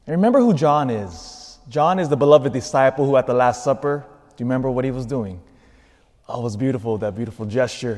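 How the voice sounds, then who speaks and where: A man preaching as a priest, with solemn, deliberate phrasing, his voice ringing in the cathedral echo of a large church. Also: medium pitch, a little mellow. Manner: solemn, deliberate, phrase-by-phrase delivery with rhetorical questions. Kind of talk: Gospel reading and sermon.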